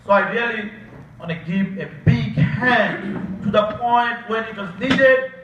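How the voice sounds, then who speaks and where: A man with a Bangladeshi accent giving a halting banquet speech, with many filler sounds. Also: sits high, a bit bright, slight background noise. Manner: halting, many filler uhs, informal grammar. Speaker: guest speaker, Senate candidate. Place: large event hall. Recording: echoey hall, distant dull mic.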